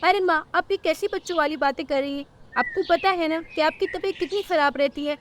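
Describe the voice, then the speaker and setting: A caring young husband bird from a cartoon storybook, voiced by a woman, speaking very high for a male figure. He soothes, reasons and sounds concerned. A faint hiss runs under it. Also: a little fast.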